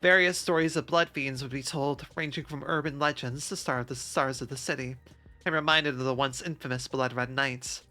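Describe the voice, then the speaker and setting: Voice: mid-range voice, steady tone, moderate pace, bright, forceful tone, faint music behind. A streamer narrating a visual game story live, breaking off often to laugh and joke. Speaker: streamer reading and voicing a game.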